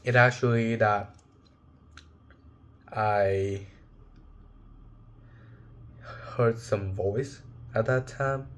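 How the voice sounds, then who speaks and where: Slow, halting young man sharing a story. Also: fairly low pitch, fairly even intonation, a bit bright. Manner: halting, searching for words, emotional. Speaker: vlogger. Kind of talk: personal reflective monologue.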